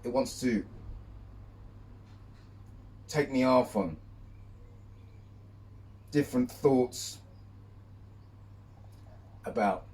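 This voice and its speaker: A man speaking reflectively to camera while sitting in ice cold water outdoors, in a measured way with pauses. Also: mid-range voice, a little mellow. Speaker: vlogger. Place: outdoors, birdsong behind. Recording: distant mic, faint outdoor noise.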